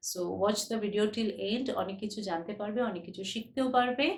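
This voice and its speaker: A woman with a Bengali accent teaching English, who says each question slowly and with emphasis after giving it in Bengali. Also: medium pitch, reverberant. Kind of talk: bilingual language lesson.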